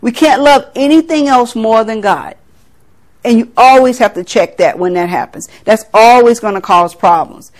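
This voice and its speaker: A woman's voice: fairly high pitch, moderate pace, a little mellow. A middle-aged woman from South Carolina preaching a sermon, earnest, laughing at herself and acting out family conversations.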